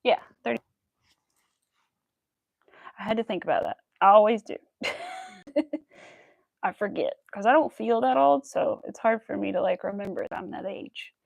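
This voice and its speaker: This American woman in her early thirties crochets on a livestream, chatting in a rambling way and counting stitches aloud. Her mid-range voice is creaky and a little mellow, at a moderate pace with long pauses. There's no echo.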